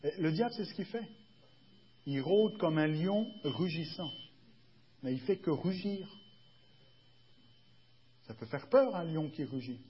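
Un homme qui prêche un sermon sur un ton de conversation et qui demande souvent à l'assemblée si elle le suit. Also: male voice, fairly high pitch, animated, unhurried, pauses often, dull audio, a little hiss or hum. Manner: conversational, often checks the congregation is following; acts out little dialogues with shifts of tone. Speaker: preacher. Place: church.

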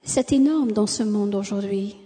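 A woman's voice: medium pitch, a little slow, mellow. A woman preacher with an American accent in French, a native English speaker, delivering a sermon punctuated with amens and hallelujahs. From United States. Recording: long hall reverb.

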